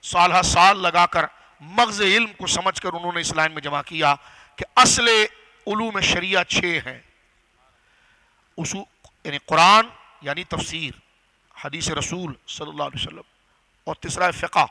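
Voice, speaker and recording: A man preaching a religious lecture to a gathering, teaching step by step, asking the audience questions and slowing down on key phrases. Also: sits high, sharp tone, rough recording. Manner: didactic, rhetorical questions to audience. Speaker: Islamic scholar and preacher. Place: gathering hall.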